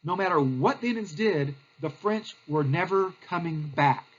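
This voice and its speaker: A man's voice: on the high side, expressive, moderate pace, muffled recording. A male teacher, giving a recorded history lecture in a plain, explanatory way with frequent fillers.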